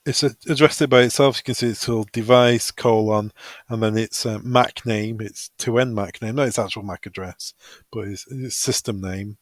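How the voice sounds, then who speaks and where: Fairly low in pitch with fairly even intonation and a moderate pace, this man's voice comes through without echo. He's a product tutorial presenter, casually and practically guiding a semi-improvised step-by-step software demo.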